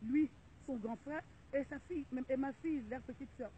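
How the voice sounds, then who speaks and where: A middle-aged woman makes an indignant, rallying video appeal to her viewers, repeating her calls again and again. Her voice sits high and has a dark tone, moving fairly quickly over tinny, phone-like audio with faint noise.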